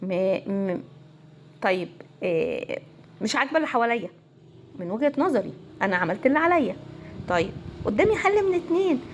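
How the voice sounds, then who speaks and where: Egyptian woman, counselor, high voice, conversational, faint room noise. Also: a little fast, pauses often, highs cut off. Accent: Egyptian Arabic. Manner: animated, conversational, acts out quoted voices. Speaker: family counselor. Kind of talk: casual lecture to viewers.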